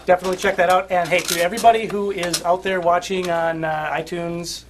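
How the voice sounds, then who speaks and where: A man's voice: high voice, little pitch movement, brisk, noisy background. A man from the American Midwest hosting a casual guitar shop podcast, chatting loosely with many fillers and laughs. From Midwest United States. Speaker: host, guitar shop owner.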